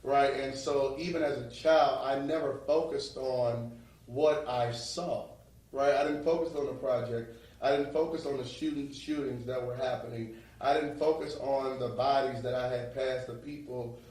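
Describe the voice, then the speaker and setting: A man's voice: medium pitch, fairly even intonation, normal speed, a little mellow. Motivational male interview guest, New York accent, emphatic and preacherly, recorded off-mic with heavy room echo. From New Orleans. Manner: preacherly, emphatic, often checks listeners follow with "right?". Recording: very echoey room, distant microphone.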